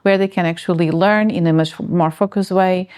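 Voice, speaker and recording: A woman's voice: lowish voice, steady tone, moderate pace, a little mellow, clear, resonant tone. A woman from Portugal in her forties, answering interview questions in a hesitant way, with many fillers and restarts.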